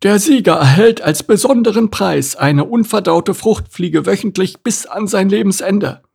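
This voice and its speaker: High, self-important spider announcer for a children's audiobook; gravelly, husky, loud proclaiming. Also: male voice, normal speed, exaggerated voice. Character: pompous male harvestman spider announcer.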